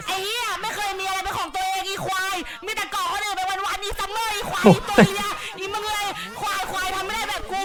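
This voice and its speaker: A woman shouting angrily, cursing and taunting rivals in a gaming voice chat. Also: very high voice. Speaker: online game player trash-talking rivals. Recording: loud overlapping voice-chat crowd.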